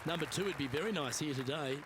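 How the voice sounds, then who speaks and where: Higher-pitched male golf commentator played by an actor. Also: fast, noisy background, natural voice. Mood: measured, upbeat. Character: measured, upbeat male television golf commentator. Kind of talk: golf commentary in a video game. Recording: music and crowd behind commentary. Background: music, crowd.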